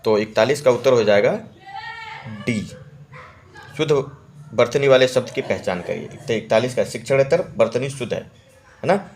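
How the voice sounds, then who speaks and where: A man's voice: mid-range voice, lively intonation, moderate pace, long pauses, a little hiss or hum. Man patiently explaining test answers. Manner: repeats key words and checks with "है ना". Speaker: Hindi exam-prep teacher.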